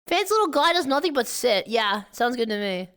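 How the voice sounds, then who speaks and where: A woman's voice: on the high side, big pitch swings, a little fast, fairly bright tone, clear, resonant tone. A woman chatting casually and reacting on stream in a cute anime-streamer voice, with a playful, goofy, exaggerated way of talking.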